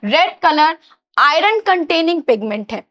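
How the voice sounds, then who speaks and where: A woman with a high, bright voice teaches a biology class with an Indian accent. She keeps asking her students questions and then answers them herself, calling them "children". Her explanations are patient and repeat the same points. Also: big pitch swings, a little slow. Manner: often addresses students as children. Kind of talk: classroom lecture.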